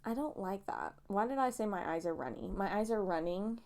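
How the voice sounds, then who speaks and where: A young woman booktuber chats casually about books in a rambling vlog, her medium-pitched voice expressive and brisk. Allergies leave her a little nasal and sniffly, and she's self-mocking, wandering off on playful tangents. The recording is very noisy.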